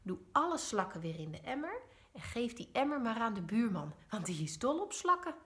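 A woman voicing a calm, practical storybook dad who lays out a plan. His lines still rise and fall with lively pitch. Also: normal speed.

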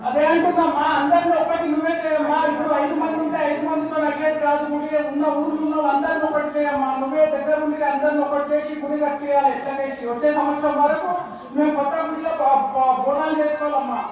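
A man's voice: very high voice, level tone, quick pace. A man making a devotee's earnest petition to an oracle outdoors. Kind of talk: pleading petition to a goddess. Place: outdoor hillside temple gathering. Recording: echoing PA heard from far off.

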